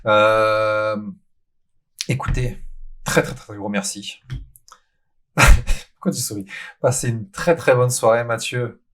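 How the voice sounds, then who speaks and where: A man's voice: mid-range voice, steady tone, takes it slowly, pauses often, a bit bright. A man hosting a casual live stream, chatting with a guest, reading out viewer questions and laughing often. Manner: laughs often, reads chat questions aloud. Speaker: host.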